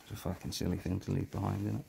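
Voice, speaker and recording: A gravelly, low voice races along with little pitch movement as a man explores an abandoned house full of dust and clutter. He's an urban exploration vlogger giving sweary, casual commentary, muttering to himself and to viewers. The noisy, clicky sound comes from a handheld phone or camera.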